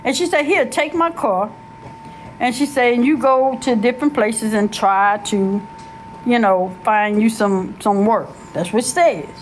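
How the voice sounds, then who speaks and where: A middle-aged woman telling her life story in a casual, animated, slangy way, often searching for words. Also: on the high side, a little slow, slight background noise.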